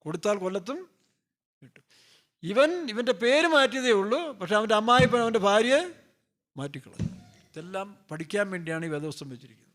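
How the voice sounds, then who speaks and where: High-voiced, joking male preacher. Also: lively intonation, brisk, long pauses, a bit bright. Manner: colloquial, joking, full of rhetorical questions; acts out scripture characters in playful voices. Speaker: pastor. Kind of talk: sermon.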